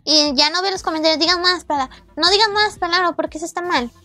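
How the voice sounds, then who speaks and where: A woman's voice: extremely high pitch, fast, sharp tone, soft background music. A young woman, chatting playfully on a live gaming stream, teasing and mock-exasperated as she thanks viewers by name. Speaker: VTuber streamer.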